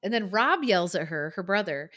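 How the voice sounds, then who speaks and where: Woman podcast co-host, 30s, lively movie recap, jumps into quoted voices. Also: mid-range voice, normal speed. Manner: animated, acts out quotes, swears for emphasis. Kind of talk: casual movie recap chat.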